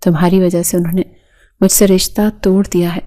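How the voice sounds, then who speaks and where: A woman's voice: on the low side, flat delivery, warm tone, lightly acted. A woman reading the lines of a frightened young woman who accuses through tears. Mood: tearful. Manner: tearful, accusing.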